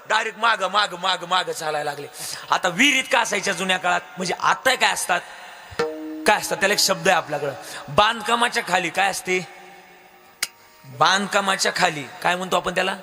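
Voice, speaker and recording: Lively bright-voiced male kirtan preacher. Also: high voice, brisk, long reverb tail, soft background music. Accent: Marathi. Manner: animated, questions the audience, breaks into sung lines. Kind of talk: devotional sermon with storytelling.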